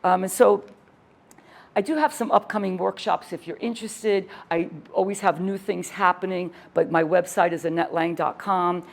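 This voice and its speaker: Casting note: woman in her 60s, fitness educator, workshop lecture, energetic and enthusiastic, lowish voice. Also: normal speed, vocal fry.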